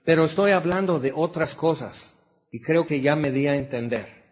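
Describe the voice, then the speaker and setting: A man preaching a sermon with a Mexican accent. He speaks with emphasis, moves between raised and hushed delivery, and puts rhetorical questions straight to his listeners. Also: a little high, moderate pace.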